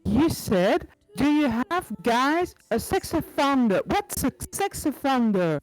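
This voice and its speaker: A woman's voice: high-pitched, big pitch swings, slow pace, faint music behind, poor audio. Woman on a glitchy call mic. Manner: puzzled, asks what words mean. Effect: online call with a mic cutting out. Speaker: call-in guest. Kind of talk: casual chat. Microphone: remote call microphone.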